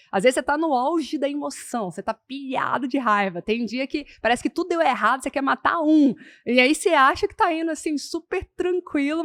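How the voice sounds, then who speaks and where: A woman from Brazil, a communication trainer answering interview questions in an animated way, often acting out quoted dialogue in other tones. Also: fairly high pitch, no echo.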